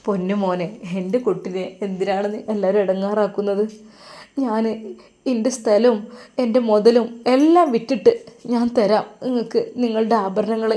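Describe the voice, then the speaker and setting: A woman voicing a grieving old father who pleads for his son, speaking softly and tearfully with a Malappuram Malayalam accent. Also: mid-range voice, fairly even intonation, a little fast, lightly acted. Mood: pleading.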